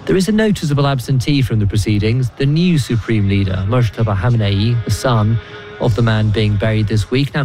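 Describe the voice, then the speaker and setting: Low-voiced man presenting live news. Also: a little mellow.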